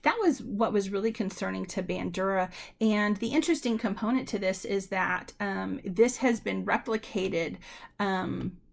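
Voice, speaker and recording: A woman lecturer talks her students through the material in a loose, conversational way, pausing on ums and restarting sentences. Her voice has a gravelly edge and sits at an ordinary middle pitch. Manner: addresses students directly. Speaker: university lecturer. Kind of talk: recorded lecture.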